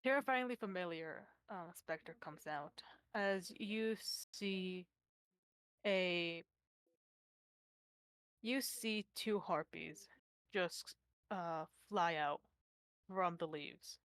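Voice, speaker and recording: Slow-talking woman running a tabletop game. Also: on the low side, fairly bright tone, smooth, no room sound. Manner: slow, halting narration with many fillers. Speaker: game master.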